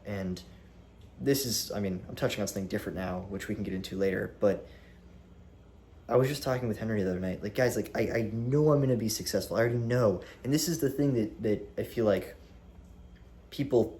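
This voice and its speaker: A young man in his early twenties talks straight to a tripod camera in a low voice, animated and rambling, with restarts and swearing. A faint hiss sits under the recording. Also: fairly quick. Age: young adult. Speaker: vlogger. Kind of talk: casual talk to camera.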